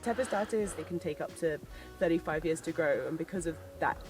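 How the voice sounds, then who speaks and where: A man's voice: on the high side, brisk, soft background music. A man in his thirties chatting informally as a guide, explaining things in plain conversational terms. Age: 30s. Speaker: tour guide explaining agave.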